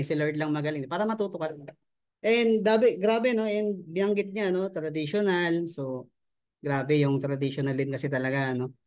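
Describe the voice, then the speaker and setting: A man hosting a motivational online meeting as a coach, upbeat and preachy, with constant tag questions. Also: on the high side. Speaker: host and coach.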